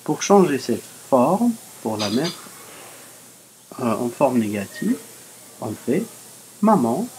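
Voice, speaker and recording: A woman's voice: rumbling low, sing-song, slow pace, pauses often, a little mellow, slight background noise, poor audio. Patient Moroccan woman teaching French. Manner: patient, spells words out letter by letter. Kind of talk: primary school French lesson.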